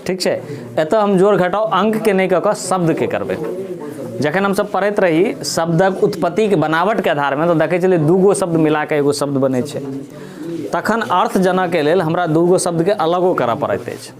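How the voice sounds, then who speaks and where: Man teaching grammar, slightly high voice. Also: moderate pace, a crowd in the background. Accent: Maithili. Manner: explains step by step, asking and answering his own questions. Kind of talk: grammar lesson for school students.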